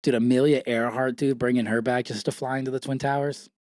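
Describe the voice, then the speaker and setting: A man's voice: mid-range voice, little pitch movement, fast, darkish tone, no room sound, studio quality. A man co-hosting a casual comedy podcast, joking and acting out quotes in goofy voices. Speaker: podcast co-host.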